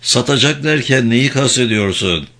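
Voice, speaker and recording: A man voicing a calm woman police officer who asks steady, firm questions. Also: mid-range voice, moderate pace.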